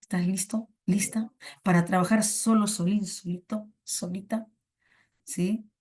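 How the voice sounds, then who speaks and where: A woman's voice: mid-range voice, fairly even intonation, unhurried, darkish tone, husky. A woman teaching an online class in Peruvian Spanish, playful and coaxing, repeating her phrases as she talks to students over a computer mic.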